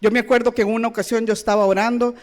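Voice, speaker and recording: A woman's voice: on the high side, flat delivery, racing. A woman pastor, preaching a sermon with rhetorical questions and playful asides.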